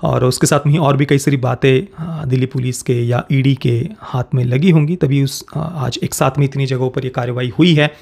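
A man in his thirties with an Indian accent delivers opinionated news commentary to camera from a small home studio, emphatically repeating and rephrasing his points. His medium-pitched voice is steady, slightly creaky and a little mellow, moving at normal speed with few pauses, picked up by a close desk microphone.

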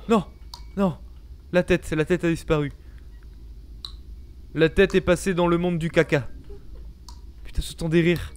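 A man's voice: fairly high pitch, fairly even intonation, measured pace, long pauses, noisy background. A young man commentating a horror game in a panicky, jumpy, sweary manner, close to a desk microphone. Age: young adult. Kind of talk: excited gameplay commentary. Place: small home gaming room, indoors. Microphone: close desk microphone, headset on.

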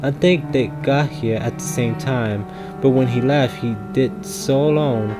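A man's voice: mid-range voice, unhurried, music in the background, close to an everyday voice. A man voicing a guilt-ridden former army soldier, reading his game lines aloud in a plain, somber, confessional way.

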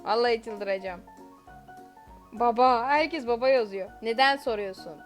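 A woman commentating her own gameplay as a YouTuber, excitable, exclaiming and giggling often. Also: fairly high pitch, unhurried, soft background music. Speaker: gaming YouTuber.

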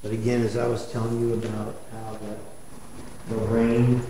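A man's voice: mid-range voice, monotone, normal speed, warm tone. Man giving a tour, echoey room. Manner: explanatory, matter-of-fact. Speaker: building owner giving a tour. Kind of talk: casual guided tour. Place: inside an abandoned school building. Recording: echoey empty room with noise.

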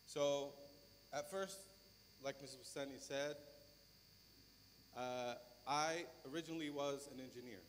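A man in his thirties with a Lebanese accent gives an informal conference presentation in a large lecture auditorium. His mid-range voice is a little slow and he pauses often. The recording has the reverberation of the lecture hall plus background noise.

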